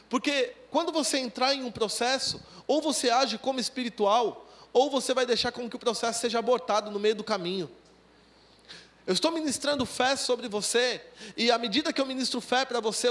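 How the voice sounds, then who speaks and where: A Brazilian man preaches in a strikingly high voice, his pitch far above most men's. He tells his story as a lively testimony and acts out the laughing and dialogue. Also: fairly quick. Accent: Brazilian Portuguese. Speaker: pastor. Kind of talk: sermon with testimony. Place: church service.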